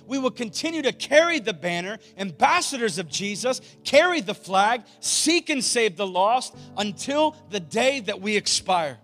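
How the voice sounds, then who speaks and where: Man, church pastor, rally-speech fervor, bright forceful voice, short repeated declarations, music underneath. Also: very high voice, big-room sound. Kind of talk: evangelical church preaching and prayer. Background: instrumental music.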